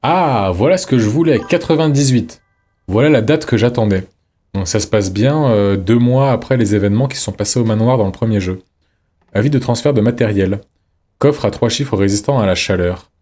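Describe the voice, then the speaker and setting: Male streamer, low mellow voice, chatty running commentary, reads notes aloud. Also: normal speed. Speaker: streamer playing a horror game. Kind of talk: casual let's-play commentary.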